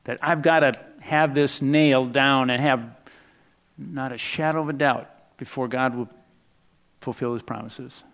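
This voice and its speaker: A man preaching a sermon in a conversational, reflective way, dropping softer for quoted words. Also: mid-range voice, fairly even intonation, measured pace, dull audio.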